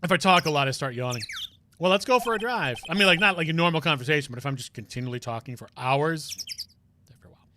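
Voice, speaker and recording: A man's voice: on the high side, animated, fast, pushed and bright. A man casually reading a courtroom game aloud, chatting and thinking aloud as he plays. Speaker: game reader. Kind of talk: casual let's-play reading. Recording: noisy background.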